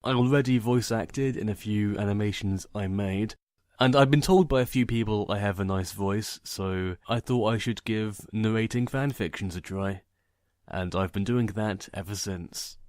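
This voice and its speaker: A narrator and video creator with a fairly low voice delivers a personal vlog monologue, voice only, in a plain, monotone, deadpan manner. He speaks at a moderate pace, and the recording is dry with very little room sound.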